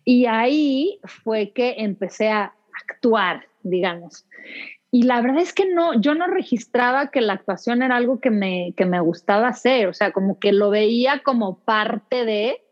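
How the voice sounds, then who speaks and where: A woman from Mexico City with a Mexico City Spanish accent, an actress chatting as an interview guest in a lively, rambling way. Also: on the high side, unhurried. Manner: chatty, many restarts and fillers. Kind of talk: casual interview conversation. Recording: dull lo-fi sound.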